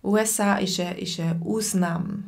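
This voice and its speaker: A woman's voice: mid-range voice, fairly even intonation. A woman in her thirties with a Swiss German accent, giving a live-stream language lesson from home at her webcam and answering viewers by name. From Switzerland. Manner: slow, patient, repeats phrases and answers chat viewers by name. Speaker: language teacher.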